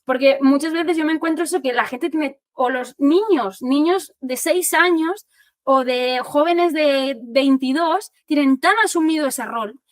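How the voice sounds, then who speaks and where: A woman from Spain, an occupational therapist, explaining things to families in an animated, informal way and acting out what people say. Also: high-pitched, a little slow, no room sound. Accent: Spanish from Spain. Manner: animated, explanatory, acts out quotes. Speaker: occupational therapist giving a talk.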